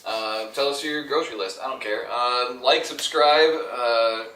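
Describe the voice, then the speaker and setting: A young man hosting a casual chat about a TV show, laughing and relaxed as he wraps up the episode. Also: mid-range voice, a little slow, slight background noise. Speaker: podcast host. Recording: echoey room, from far off.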